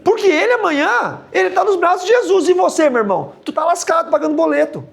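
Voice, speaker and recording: Animated, gravelly pastor. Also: male voice, fast. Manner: animated, joking, jumps into high mocking tones. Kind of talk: humorous Bible study teaching.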